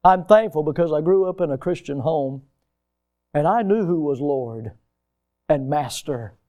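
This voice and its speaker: Male preacher, high voice, emphatic delivery in a sermon. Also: expressive, measured pace. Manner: emphatic, rising to loud peaks.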